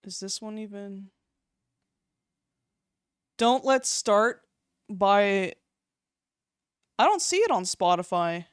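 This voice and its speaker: A woman's voice: mid-range voice, lively intonation, slow, long pauses, clear, resonant tone, dry recording, studio quality. Giggly young woman streamer chatting. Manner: chatty, giggly, swears casually. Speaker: streamer and artist. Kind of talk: casual live-stream chat while drawing.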